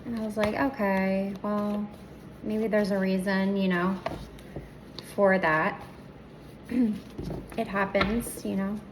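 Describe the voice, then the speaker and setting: Hoarse, softly whispering tarot reader woman. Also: medium pitch, level tone, takes it slowly, long pauses, noisy background. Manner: soft, often drops to a breathy whisper. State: slightly hoarse, losing her voice. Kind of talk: casual spiritual reading chat.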